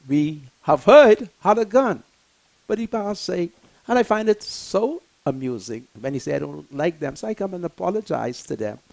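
Impassioned Bahamian man, high lively voice. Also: poor audio. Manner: impassioned, swings from loud preaching to low muttering; gestures broadly while talking. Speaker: radio talk show host. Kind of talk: emotional talk radio monologue. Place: small radio studio. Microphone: headset mic.

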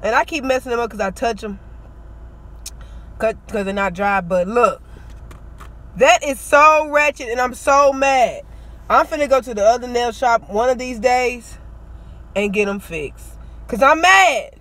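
With a fairly high-pitched voice, slightly slow delivery, and long pauses, a young woman complains indignantly and animatedly to her phone camera. She's a beauty vlogger in a parked car, filming a casual rant at arm's length.

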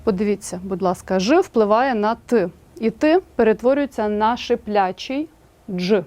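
A woman with a Ukrainian accent reading a scripted language lesson, spelling out example words slowly and clearly. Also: mid-range voice, a little mellow. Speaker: language teacher.

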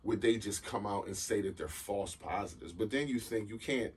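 Deep-voiced laid-back man, distant mic. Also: moderate pace, husky. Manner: laid-back, rambling with fillers. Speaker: podcast co-host. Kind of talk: casual chat. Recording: distant mic with faint noise.

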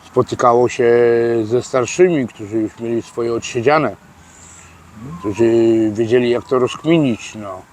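A man talking slowly outdoors by a street, stopping often to search for words. His pitch sits in a middle range. He answers questions in a plain, casual way, full of fillers and restarts. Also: darkish tone, a little hiss or hum. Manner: hesitant, many fillers and restarts. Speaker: interviewee explaining prison slang.

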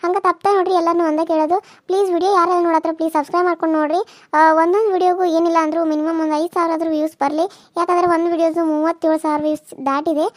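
A woman's voice: very high-pitched, level tone, racing, dry recording, studio quality. A woman channel host, earnestly appealing to her viewers and repeating her requests. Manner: earnest, pleading, repetitive.

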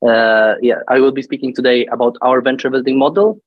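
A man's voice: medium pitch, steady tone, a little fast, no echo, muffled recording. A man giving a conference presentation as a guest speaker over a video call, friendly, with some hesitant restarts. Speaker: guest speaker, venture fund partner.

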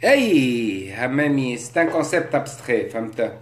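A man's voice: medium pitch, very animated, normal speed. A man with a Tunisian accent in a casual live-stream monologue. He talks rhetorically, mixes in French, and keeps asking his listeners if they understand. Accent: Tunisian Arabic. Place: indoors, live on social media. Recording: echoey room.

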